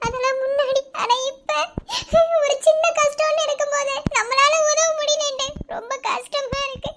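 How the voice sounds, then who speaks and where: An actress playing a loving young village wife who speaks heartfelt words in Madurai Tamil in a cartoon. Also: female voice, very high voice, fairly even intonation, moderate pace, fairly bright tone. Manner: emotional, heartfelt. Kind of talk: cartoon voice acting.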